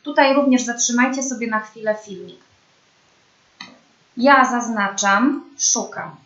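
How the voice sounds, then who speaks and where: A young woman speech therapist giving a slow, patient lesson to children, with careful, clear pronunciation. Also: fairly high pitch, a bit bright. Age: young adult. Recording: dull, roomy home recording.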